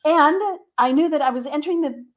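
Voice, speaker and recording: A middle-aged woman with a somewhat high-pitched voice talks as a guest in a casual interview. She sounds like a therapist explaining her path, conversational and explanatory. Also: moderate pace. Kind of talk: casual interview, telling a career story.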